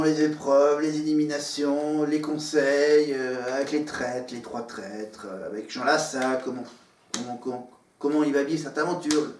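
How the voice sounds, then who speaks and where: A man's voice: on the high side, a little mellow. A man vlogging from his living room, talking to the camera in a meandering way with many fillers and restarts. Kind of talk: rambling casual monologue to camera. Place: living room at home, in front of a green screen. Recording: echoey room, far from the mic.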